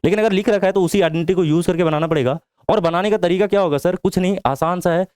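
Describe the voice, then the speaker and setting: A man's voice: sits high, quick pace, a little mellow, clear, resonant tone, no echo. Man teaching maths, asking and answering himself. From India. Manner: explains step by step, asks the class questions and answers them himself. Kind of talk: whiteboard lesson.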